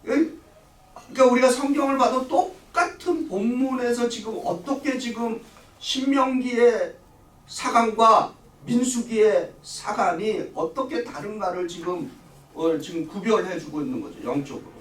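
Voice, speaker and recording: A middle-aged man leads a church Bible study, lecturing and firing questions at the class before answering them himself. His voice is very high-pitched, unhurried and a bit bright. The room is echoey and he sounds distant from the mic.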